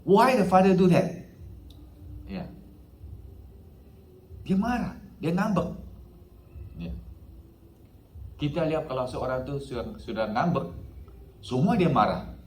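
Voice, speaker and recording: A man's voice: a little high, very animated, slow, pauses often, darkish tone, slight background noise. A male pastor preaching a sermon, dropping English phrases into his talk and punctuating it with a frequent "ya". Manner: mixes English phrases into preaching, repeats "ya" often. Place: church hall. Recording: echoey hall, faint ambience.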